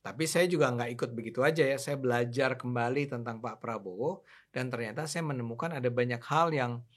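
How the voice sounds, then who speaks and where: An older man holding forth on a talk show. His voice sits at an ordinary middle pitch, and he tells his story with animated, opinionated conviction, leaning hard on his points. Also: a little fast. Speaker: political commentator. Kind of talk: casual talk show chat.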